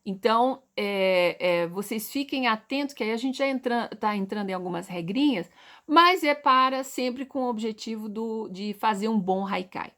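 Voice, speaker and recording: A woman's voice: fairly high pitch, expressive, a bit bright. Didactic Brazilian woman teaching poetry. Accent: Brazilian Portuguese. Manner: didactic, asks and answers own questions, repeats example words slowly. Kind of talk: explaining lesson to viewers.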